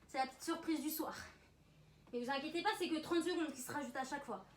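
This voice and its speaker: A woman's voice: high voice, fast. A woman working as a fitness instructor, coaching a circuit workout live with countdowns and short, encouraging commands. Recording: roomy echo, distant mic, background noise.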